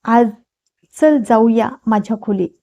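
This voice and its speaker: An excited, teasing young man greeting a friend, voiced by a woman narrator at a slow pace. The recording is mellow and dull. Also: a little high, close to an everyday voice.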